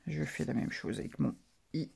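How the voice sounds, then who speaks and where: Woman host for a craft tutorial. Very gravelly, husky voice. Slow, hesitant delivery that narrates each step. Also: deep voice, warm tone. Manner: unhurried, narrates each step with frequent "hop" and hesitant fillers. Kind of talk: card-making tutorial narration.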